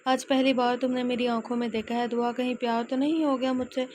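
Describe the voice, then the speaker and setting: A woman's voice: a little high, level tone, brisk, darkish tone, a little hiss or hum, natural voice. A woman voicing a commanding, hot-tempered rich young man in a romance audiobook. He talks in a teasing, bossy way.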